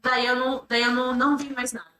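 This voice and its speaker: A woman's voice: high-pitched, flat delivery, fast, bright, forceful tone. A woman with a Brazilian Portuguese accent giving courtroom testimony, retelling events in long rambling runs held together by repeated fillers. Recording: echoey room, mic at a distance.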